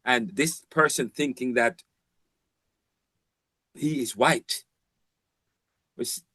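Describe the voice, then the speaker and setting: A man delivers an informal university lecture, circling back on his points with emphatic repeats and restarts. His voice sits at a middle pitch. The recording is dry and close, with no room echo. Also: extremely slow, bright, forceful tone. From Jamaica. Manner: rambling, emphatic, with frequent restarts.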